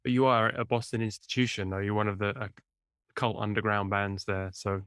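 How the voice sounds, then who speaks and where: An English podcast host from near Cambridge runs a casual interview over a video call, friendly and teasing and happy to mock himself. His voice sits lowish with little pitch movement, brisk and fairly bright. The tone is clean, studio quality, with no room sound.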